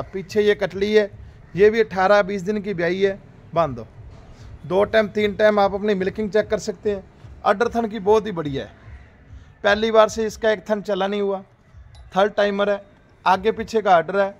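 A man, hosting a dairy farm video, giving a repetitive, upbeat livestock sales pitch outdoors in a cattle yard, recorded on a handheld phone. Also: lo-fi sound. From Rajasthan, India.

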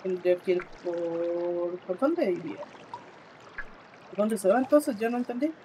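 A man giving casual live commentary while he plays, talking to the game character and to his viewers, swinging between exclamations and low muttering. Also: measured pace, dark tone, slight background noise. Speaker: streamer.

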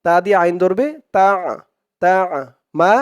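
A man teaching Quran reading, chanting words slowly and drawn out, then explaining quickly in between. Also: sits high, level tone, clean tone. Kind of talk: slow recitation drills with quick explanations.

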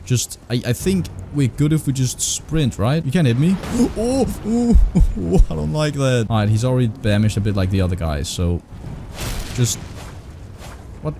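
Excitable man on a heavily compressed mic. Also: moderate pace, background noise. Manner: excitable, swears a lot, jumps into high shrieks. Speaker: gaming video creator. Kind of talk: live gameplay commentary. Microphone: desk mic with compressor.

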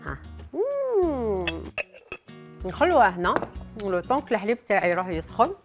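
Lively chatty Algerian woman cooking. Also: medium pitch, very fast, music in the background. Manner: chatty, talks straight to viewers with frequent asides. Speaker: cooking show presenter. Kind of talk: cooking demonstration.

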